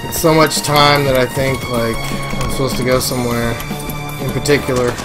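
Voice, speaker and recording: A man's voice: mid-range voice, little pitch movement, moderate pace, poor audio. A young man giving casual, sweary gameplay commentary, muttering offhandedly to himself. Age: young adult. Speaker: video game streamer. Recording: game music behind the voice.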